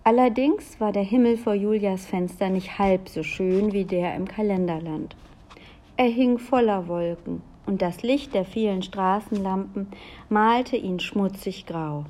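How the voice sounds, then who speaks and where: Woman reader, children's story, slow, measured, mid pitch. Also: mellow. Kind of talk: reading a children's book aloud.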